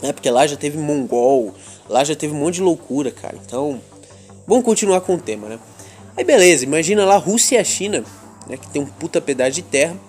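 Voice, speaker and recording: A young Brazilian man talks through a crude, slangy, meandering podcast monologue, laughing often between his points. His voice sits a little higher than most men's. Faint music plays softly beneath him. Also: expressive, a little fast. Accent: Brazilian Portuguese. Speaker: podcast host. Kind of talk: casual chat monologue.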